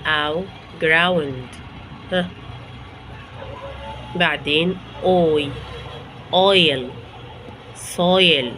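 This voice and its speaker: A woman with an Egyptian Arabic accent teaching English phonics, repeating each sound slowly and prompting the learners. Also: lowish voice, fairly bright tone, a little hiss or hum. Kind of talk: phonics lesson.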